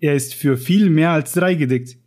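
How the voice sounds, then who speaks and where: A man's voice: fairly high pitch, normal speed, darkish tone, natural voice. A man reading Alice's lines from a storybook as a prim, indignant girl, in a slightly raised voice. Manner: read aloud from a book, slightly raised voice.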